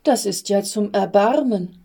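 A woman's voice: medium pitch, unhurried, dark tone. A woman voicing an anxious, tender-hearted young male angel in a storybook reading, with a fretful, pleading manner. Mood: dismayed.

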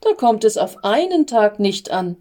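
A woman voicing a group of easygoing angels in a storybook reading, lighthearted and brisk. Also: medium pitch, big pitch swings, mellow.

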